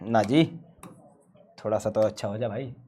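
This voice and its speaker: A man's voice: on the low side, fairly even intonation, moderate pace, warm tone, slightly rough. A man teaching a science class, playful and full of rhetorical questions to his students.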